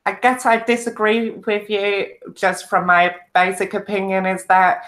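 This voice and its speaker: A woman in a livestream discussion who speaks with dry sarcasm and argues her points in a measured way. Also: medium pitch, flat delivery, fairly bright tone. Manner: dry and sarcastic, then measured when arguing.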